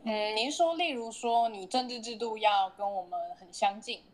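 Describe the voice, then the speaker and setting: A woman's voice: fairly high pitch, normal speed. A woman co-hosting a casual world-affairs chat, listening closely and asking follow-up questions. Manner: attentive, questioning, frequent backchannel. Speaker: co-host.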